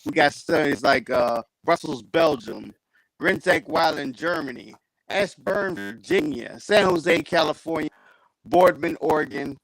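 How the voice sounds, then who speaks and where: A man's voice: a little high, animated, measured pace, vocal fry, no echo, poor audio. A man hosting a casual online sports show over a video call whose audio keeps glitching and breaking up. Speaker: sports talk show host.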